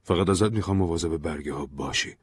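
A paranoid young man who talks urgently and secretively, as a storyteller plays him. He has a low, husky voice, recorded dry and close. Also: no room sound. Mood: urgent worried.

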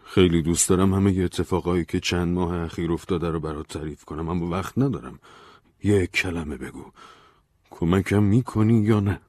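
A paranoid young man who talks urgently and secretively, as a storyteller plays him. He has a low, husky voice, recorded dry and close. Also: warm tone, no echo. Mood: urgent worried.

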